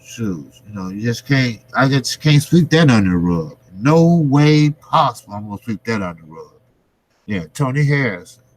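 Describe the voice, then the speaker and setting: A man with an average-pitched voice talks boxing with his live viewers at a slow pace. His delivery is informal and slangy, with the odd swear word. He repeats phrases for emphasis and lets pauses hang between them. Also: dry recording. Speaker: boxing vlogger, host. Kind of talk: casual boxing commentary to live chat viewers.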